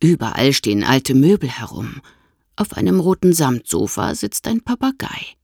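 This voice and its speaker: A woman narrating a children's audiobook in an expressive storytelling manner. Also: a bass voice, normal speed, gravelly, breathy edge, dry recording, studio quality.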